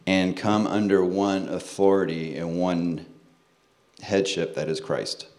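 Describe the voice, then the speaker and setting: A man with a General American accent addressing a church congregation, pausing for an interpreter. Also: low-pitched, fairly even intonation, darkish tone. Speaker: guest speaker at a church. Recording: echoey room with faint noise.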